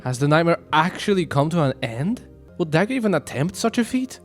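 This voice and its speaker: Man narrating a visual novel, slightly high voice. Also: very animated, fairly quick, faint music behind. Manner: playful, reads then breaks into jokes. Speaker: channel host and narrator.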